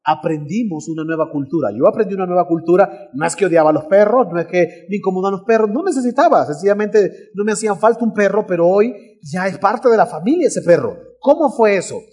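A man preaching a sermon as pastor, animated and telling a story with acted-out voices. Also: high-pitched, fast, slightly rough. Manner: animated, acts out voices in anecdotes, shouts at times.

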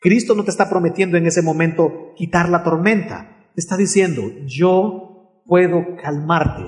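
A man's voice: high voice, steady tone, brisk. A man preaching a sermon in an earnest way, often asking his listeners questions.

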